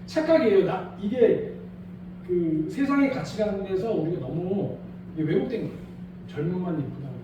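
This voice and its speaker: A male pastor preaching a Sunday sermon in a small church, animated and acting out quoted voices. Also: sits high, normal speed, heavy reverb, distant mic, highs cut off, background noise.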